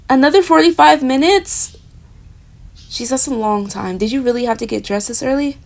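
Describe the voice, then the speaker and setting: With a giddy air and a measured pace, a young woman plays a jealous, flustered roommate in a romantic audio roleplay. Her voice sits high as she speaks to the listener directly, then trails into soft murmurs.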